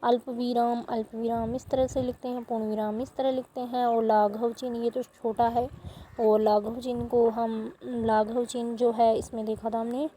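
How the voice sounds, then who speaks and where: Warm-voiced woman teaching grammar. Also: on the high side, flat delivery, moderate pace, a little hiss or hum, rough recording. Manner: step-by-step, corrects herself mid-sentence. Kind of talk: explaining grammar to students.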